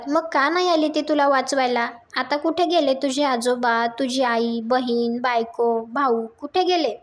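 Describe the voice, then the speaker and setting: A woman reading out the lines of a bitter, scheming woman who faces jail and swears revenge, in a plain high recap voice. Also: close to an everyday voice.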